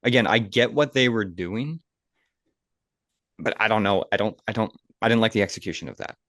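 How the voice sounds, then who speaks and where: A man's voice: fairly low pitch, a little fast, a bit bright, no room sound, studio quality. A man co-hosting a casual movie podcast, rambling and enthusiastic with lots of fillers. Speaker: podcast co-host. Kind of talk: casual movie review chat. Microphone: podcast microphone.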